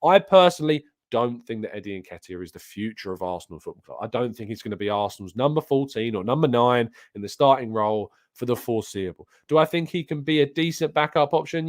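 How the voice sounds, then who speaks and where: A man's voice: mid-range voice, dry recording. A British man hosting a live football talk show, chatting casually and with opinions as he reads and answers viewer comments, close on a studio microphone. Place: soundproofed home studio setup. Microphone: close studio microphone on an arm with pop filter.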